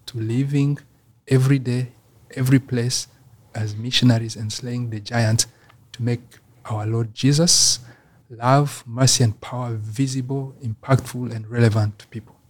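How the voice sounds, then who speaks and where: A middle-aged man with a Rwandan accent, speaking as an interview guest in a measured way with many fillers. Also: medium pitch. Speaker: church missions coordinator.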